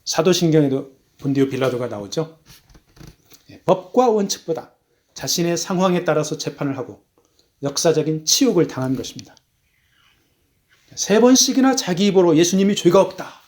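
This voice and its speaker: A man preaching a sermon as a missionary, emphatic, his voice rising on key words and then falling low, slowing down for stress. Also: lively intonation, darkish tone. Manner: measured, slows down for stress.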